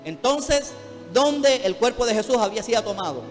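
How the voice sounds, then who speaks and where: A man with a high voice preaches a fervent sermon as pastor, calling out to his congregation. His voice rings through a church with a long, trailing reverb. Soft music plays faintly beneath him. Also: animated, normal speed.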